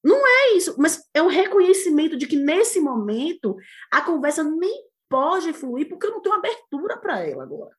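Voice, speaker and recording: A woman with a Brazilian Portuguese accent, speaking as a guest in an animated conversational way, expressive and laughing often, with quick bursts of emphasis. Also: high-pitched. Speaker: guest speaking on nonviolent communication.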